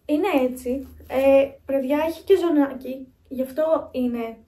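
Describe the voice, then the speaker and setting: Chatty high-voiced young woman vlogger. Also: warm tone. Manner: chatty and rambling, talking straight to viewers. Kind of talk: casual vlog chat. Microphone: phone held at arm's length.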